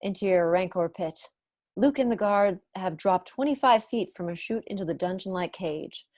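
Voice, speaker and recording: This is a young adult woman serving as narrator for an online table read, reading the stage directions at home. She speaks at a moderate pace with medium pitch and a darkish tone. Recorded in a small indoor room through wired video-call earphones, the audio has no room sound and studio quality.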